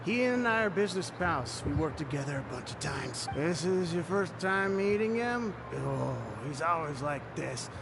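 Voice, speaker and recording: A man's voice: fairly high pitch, lively intonation, moderate pace, few pauses. An actor playing a drunk, jovial man who rambles and slurs his words in a video game. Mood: tipsy, teasing. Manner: slurred, rambling, laughing. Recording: game audio with crowd noise.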